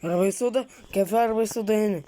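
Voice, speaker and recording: A woman's voice: medium pitch, racing, heavy background noise. Exclamatory Egyptian woman in game role-play. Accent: Egyptian Arabic. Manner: exclamatory, questioning, repeats phrases. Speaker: gamer making a role-play film in Roblox.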